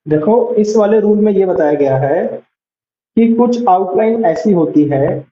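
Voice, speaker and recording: A man's voice: sits high, lively intonation, slow, reverberant, lo-fi sound. A man teaching a shorthand lesson online, patiently explaining and repeating each word as he writes it.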